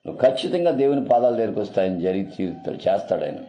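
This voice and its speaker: A man's voice: lowish voice, expressive, rapid-fire, mellow, highs cut off. A man preaching a sermon as a pastor, emphatic and repeating his phrases for weight.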